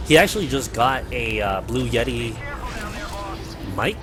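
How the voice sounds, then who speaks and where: A man's voice: mid-range voice, expressive, measured pace. Casual rambling male game streamer. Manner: rambling and casual, with fillers and swearing. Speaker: gaming livestream host. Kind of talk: casual livestream chat. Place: home apartment. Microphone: cheap mic close to the mouth.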